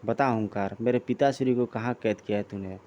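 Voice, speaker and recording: A man's voice: on the low side, fairly even intonation, a little fast, darkish tone, a little hiss or hum, close to an everyday voice. A man reading aloud the lines of a righteous young male hero from a comic. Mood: determined. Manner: earnest, demanding.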